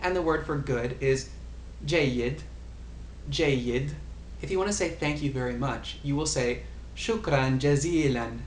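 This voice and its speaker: Speaking at medium pitch and a normal speed, a male tutor runs an informal language lesson, going over example phrases again and again with patience. Faint background noise and echo fill the room.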